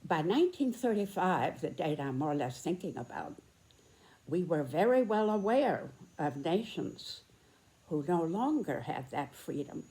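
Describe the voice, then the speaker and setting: Very old American woman, slow and low. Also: very animated, dark tone, low-quality recording. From United States. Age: 90s, very old. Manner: deliberate, earnest, emphatic phrasing with pauses. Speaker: video host, personal commentator. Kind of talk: reflective spoken commentary and reminiscence to camera.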